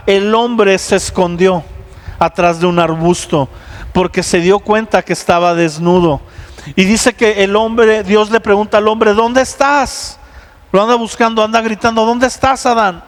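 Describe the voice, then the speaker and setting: A man with a Mexican Spanish accent preaching a sermon as pastor, telling the story with lively acted-out dialogue. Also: sits high, big-room sound. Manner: animated storytelling, acting out biblical dialogue. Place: church sanctuary.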